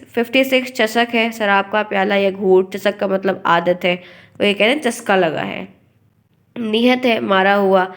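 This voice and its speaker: A woman running an online exam-prep lesson, her voice sitting at a middle pitch. She is feeling unwell but keeps going, explaining word meanings and repeating pairs of words so students hear how their pronunciation differs. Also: vocal fry. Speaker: teacher.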